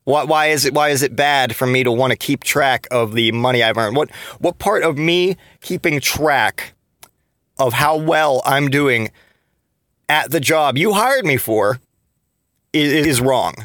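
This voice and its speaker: A man's voice: medium pitch, animated, a little slow, fairly bright tone, dry recording, clean studio sound. A man in his thirties hosting a solo podcast, venting in frustration with frequent restarts and swearing. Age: 30s. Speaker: podcast host.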